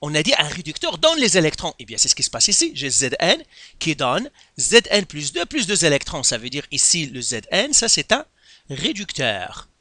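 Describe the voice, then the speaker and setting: This man teaches chemistry in Quebec French, walking through a worked exercise one step at a time and posing many rhetorical questions to himself. He's a little high-pitched with huge swings in pitch, speaking fairly quickly in a pushed, bright voice on a dry recording.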